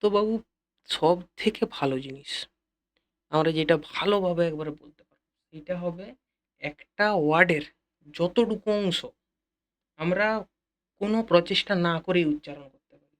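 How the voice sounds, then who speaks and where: Repetitive Bengali-accented male teacher. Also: sits high. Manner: repeats key phrases slowly, addresses students directly. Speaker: English teacher. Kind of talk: classroom-style lesson explanation.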